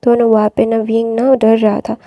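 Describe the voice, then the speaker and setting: A woman's voice: a little high, monotone, moderate pace, dark tone, no room sound. A woman casually retelling a fan story in a rambling way, full of repeated filler words.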